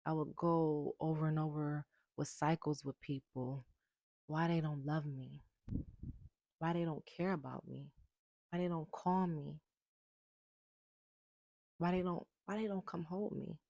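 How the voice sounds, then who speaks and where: A woman talks straight to her viewers in a personal vlog, unhurried and a little gravelly. She is blunt and emphatic, swearing freely and hammering her points with repetition. The sound is close and dry. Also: low-pitched, steady tone, mellow, no room sound, dull audio. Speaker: vlogger.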